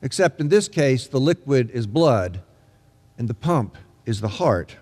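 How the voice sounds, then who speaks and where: An older man, an interim pastor, preaching a sermon from the pulpit in a large church sanctuary, measured and earnest with emphatic rises. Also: medium pitch, big pitch swings, a little mellow. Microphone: pulpit microphone. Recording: long reverb of a large sanctuary.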